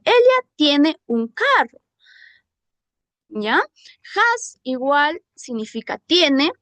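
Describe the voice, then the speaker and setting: Female teacher, Peruvian accent, slow and patient, repeats examples, high voice. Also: a bit bright, no room sound. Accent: Peruvian Spanish. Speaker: English teacher. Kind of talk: classroom lesson. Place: school class session.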